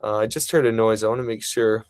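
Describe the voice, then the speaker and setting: Brief: male webinar presenter, fast, chatty and eager, dry close sound on a video call. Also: fairly low pitch, fairly even intonation, a little mellow, clean tone, no room sound. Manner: talks quickly; casual, enthusiastic, many restarts. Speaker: family history presenter.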